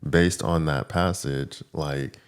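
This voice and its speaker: A man's voice: rumbling low, fairly even intonation, slow pace, clean tone. A man co-hosting a podcast in casual chat, thinking aloud reflectively with hesitant restarts and questions. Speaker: podcast co-host.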